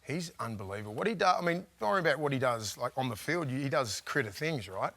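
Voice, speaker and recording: A man, a former player, telling rambling, animated stories in casual chat and laughing often. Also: medium pitch, fast talker.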